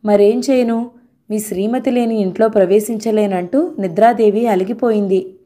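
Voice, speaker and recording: A woman's voice: mid-range voice, fairly even intonation, normal speed, dark tone, close to an everyday voice. A woman reading the part of a cheerful, affectionate young husband who is earnest about his mother, in her own voice. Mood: teasing. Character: young educated husband, cheerful and devoted son.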